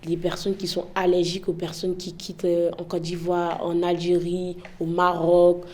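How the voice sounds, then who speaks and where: A woman's voice: fairly low pitch, monotone, moderate pace, darkish tone. A young woman giving frank, impassioned interview answers, often tagging her points with "en fait". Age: young adult. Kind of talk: candid interview testimony.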